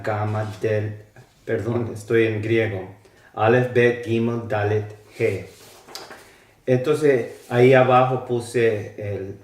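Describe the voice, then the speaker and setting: A man teaching a slow lesson on old alphabets, spelling out letters and sounds with hesitations. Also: on the low side, darkish tone, roomy sound, distant mic.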